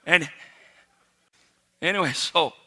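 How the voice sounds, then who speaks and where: A man's voice: fairly high pitch, takes it slowly, pushed and bright. A man with a Cajun accent telling a comic story in a folksy, rambling way, often repeating his phrases. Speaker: comedian, joke teller.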